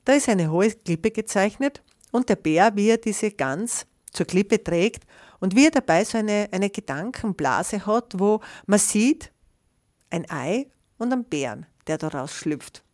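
A woman reading a children's picture book aloud in a lively way, pausing to describe the pictures. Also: mid-range voice. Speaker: storyteller.

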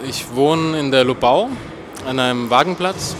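A man speaking casually in an interview, relaxed and correcting himself as he goes. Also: mid-range voice, moderate pace, music in the background.

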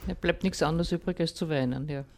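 A woman's voice: sits low, quick pace, darkish tone. A woman hosting a radio interview, guiding the guest with short affirmations. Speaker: radio host.

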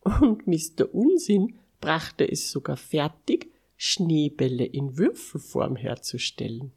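A woman reading a bedtime story to children, expressive and dropping to a whisper for asides. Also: sits low, slow pace, husky.

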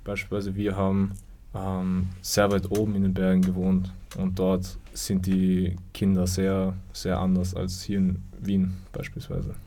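Young guy on a radio interview, lowish voice, pretty monotone, kinda hesitant. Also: measured pace. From Vienna, Austria. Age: young adult. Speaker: guest artist.

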